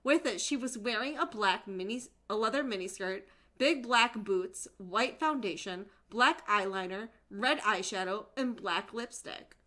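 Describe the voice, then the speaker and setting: A woman's voice: medium pitch, unhurried, hardly any pauses, sharp tone. A young woman streamer giving a comedic dramatic reading of narration, often breaking into laughter. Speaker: streamer hosting a group reading.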